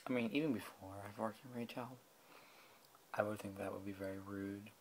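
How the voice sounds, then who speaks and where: A tipsy man telling a rambling story in a soft-spoken ASMR style, often slipping into whispers. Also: on the low side, steady tone, a little fast, background noise. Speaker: ASMR creator.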